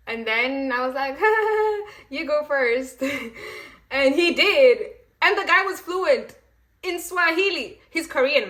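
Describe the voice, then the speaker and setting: A woman in her twenties, from Rwanda and raised in South Africa, telling a story in a chatty, animated way and acting out the people in it. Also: sits high. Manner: chatty, animated, acts out quoted voices. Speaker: vlogger. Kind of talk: casual storytime while getting ready.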